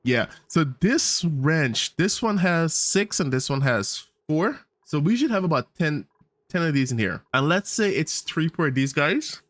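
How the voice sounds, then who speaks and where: A man's voice: a little high, very animated, a little slow, a bit bright, no room sound. A man hosting a gaming channel, thinking aloud in casual let's-play commentary with fillers and small laughs, in a tired morning voice.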